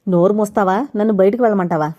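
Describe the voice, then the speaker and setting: An angry young husband who drinks snaps back at his wife, loud and curt, as a woman narrator puts him on. The lines come fast and raised over a mellow tone, in an audio novel. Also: medium pitch, lo-fi sound, natural voice.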